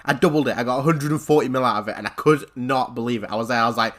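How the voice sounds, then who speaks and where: A man, a gaming channel host, telling a story-time vlog in an animated, rambling way with repeated phrases. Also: medium pitch, very fast.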